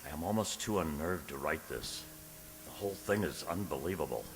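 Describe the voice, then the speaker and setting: In a literary, theatrical radio drama, a man plays a secretive, easily unnerved poet narrating his diary in a hushed, unnerved mood. His bass voice is animated and fairly quick, with a little hiss or hum. The play is reverberant, with music underneath.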